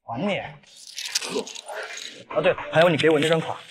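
A man's voice: a little high, fairly quick, lightly acted. Man playing a whiny, hot-tempered conman. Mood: angry. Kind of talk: comic villain drama acting. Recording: very noisy outdoor dialogue.

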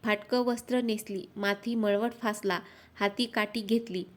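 A woman narrating a devotional folk tale in a quiet, measured recitation. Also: medium pitch, fairly even intonation.

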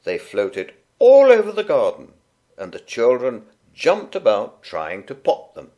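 A man reading a children's picture book aloud in a gentle, unhurried, expressive way. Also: mid-range voice. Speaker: storyteller. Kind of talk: read-aloud children's story.

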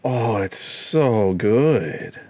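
A man's voice: on the low side, expressive, very slow, a little mellow. A young man casually commenting on his gameplay, playful and given to mock-dramatic exclamations. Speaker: let's play gamer.

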